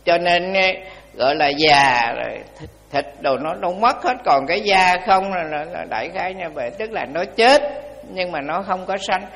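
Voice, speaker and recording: A man's voice: high voice, lively intonation, moderate pace, fairly bright tone, in a large hall. An older male Buddhist monk giving a dharma talk in a colloquial, repetitive, folksy way.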